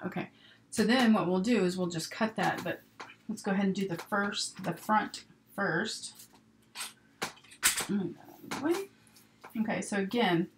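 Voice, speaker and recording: A middle-aged woman giving a casual, chatty hands-on tutorial, talking herself through each step as she works at a table. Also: mid-range voice. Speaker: sewing instructor hosting a live stream. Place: indoors at a work table. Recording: noisy home recording with rustling paper and clicks. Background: paper rustling, clicks, steady noise.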